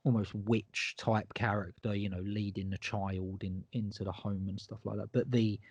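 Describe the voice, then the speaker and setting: A man's voice: on the low side, level tone, normal speed, a little mellow, husky, no echo, lo-fi sound. A man co-hosting a horror podcast in casual chat, enthusiastic and emphatic, often repeating himself. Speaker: podcast co-host.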